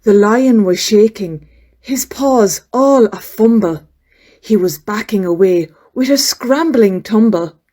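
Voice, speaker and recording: A woman reading a rhyming children's story aloud as a storyteller, expressively and with dramatic pauses. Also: medium pitch, warm tone. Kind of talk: scripted children's verse reading.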